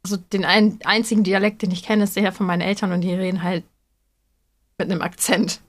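A woman's voice: medium pitch, little pitch movement, brisk. A young woman from Hamburg telling a story in casual chat, chatty and giggly. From Hamburg, Germany.

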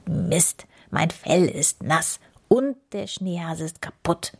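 A woman's voice: fairly low pitch, takes it slowly, gravelly, darkish tone, slightly rough, full character voice. A woman doing a grumpy growling bear. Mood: grumbling. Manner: growling, grumbling. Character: grumpy grouchy big male bear.

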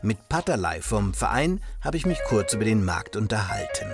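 A man hosting and narrating a food magazine segment in measured, scripted voice-over. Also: lowish voice, sing-song, creaky, music in the background. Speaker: host and reporter.

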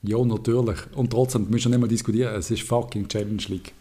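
A man's voice: fairly low pitch, fairly even intonation, quick pace, dark tone, slightly rough. A man with a Swiss German accent ranting heatedly about his football club, swearing as he co-hosts a podcast. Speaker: podcast co-host. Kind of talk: casual football chat.

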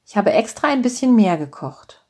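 A cheerful, pushy middle-aged mother, read aloud by a woman in a storybook reading. She talks in a brisk, bossy, scolding way, lifted a little higher than the reader's own voice. The tone is slightly husky. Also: sing-song, mellow, heavily acted.

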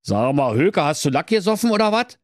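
Man doing a loudmouthed rich miser with a Berlin accent. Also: a little high, sing-song, a little fast, no room sound, studio quality, voice pushed up. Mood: blustering. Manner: loud, rude, blustering. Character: rich, stingy, boastful man.

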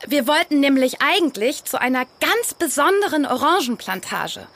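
High, teasing, cheerful woman co-host. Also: sing-song, normal speed, fairly bright tone. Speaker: podcast co-host. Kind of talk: scripted audio play.

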